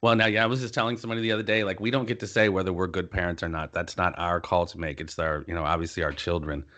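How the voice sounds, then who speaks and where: A man hosting an interview, chatty and rambling, with quick asides. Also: deep voice, steady tone, pushed and bright. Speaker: interview host. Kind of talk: casual interview chat.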